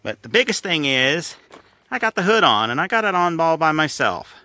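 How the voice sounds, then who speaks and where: A man's voice: a little high, very animated, normal speed, sharp tone, dry recording. A man, casually walking viewers through his car restoration in a garage, rambling and folksy.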